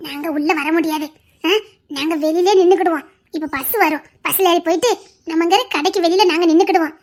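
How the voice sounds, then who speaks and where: A very high, light-voiced young sister-in-law, played by a woman who soothes and coaxes with soft affection. She is caring and a little playful, speaking gently in this audio drama. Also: steady tone, fast talker. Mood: soothing.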